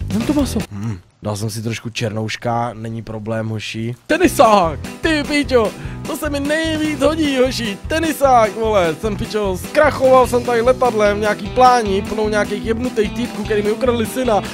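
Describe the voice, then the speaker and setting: A young man commentating a survival game, swearing constantly and bursting into shouts. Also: high voice, hardly any pauses, music in the background. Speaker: gamer streamer.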